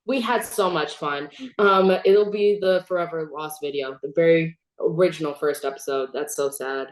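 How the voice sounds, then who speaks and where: A teenage girl hosting a casual interview, telling stories in an animated way and laughing often. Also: low-pitched, normal speed, roomy sound. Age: teens. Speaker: host. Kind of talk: casual chat.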